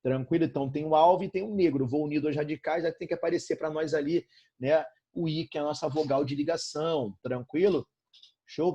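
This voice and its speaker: Here a man from Brazil, speaking with a Brazilian Portuguese accent, gives a grammar lesson in a bright, upbeat manner. His voice sits on the high side, warm with a breathy edge, and he keeps checking in with students, familiarly calling them "irmão" and "galerinha."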